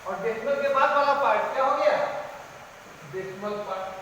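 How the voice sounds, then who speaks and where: A male math teacher with a very high voice, teaching a lesson in a classroom. He quizzes the class and answers himself, drilling each term over and over. His voice rings through a strongly echoing room with a long reverb tail. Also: moderate pace, sharp tone, lo-fi sound. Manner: asks questions and answers them himself, repeats key terms. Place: school classroom. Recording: very echoey classroom, faint room noise.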